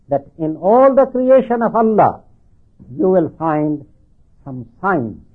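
An older man preaching and explaining scripture, deliberate and halting, repeating phrases, with slightly slurred lips-over-teeth articulation from artificial teeth. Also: high-pitched, sing-song, breathy edge. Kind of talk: religious sermon explaining scripture. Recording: thin phone-like band-limited sound.

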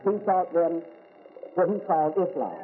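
An American man teaching Islam gives a religious lecture at a moderate pace, his voice on the high side. He leans on rhetorical questions and repeated key words, and the audio sounds tinny and phone-like with a faint hiss.

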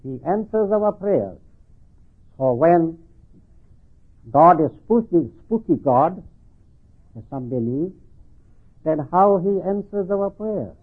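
An older man preaching and explaining scripture, deliberate and halting, repeating phrases, with slightly slurred lips-over-teeth articulation from artificial teeth. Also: on the high side, lively intonation, breathy edge. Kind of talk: religious sermon explaining scripture. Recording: thin phone-like band-limited sound.

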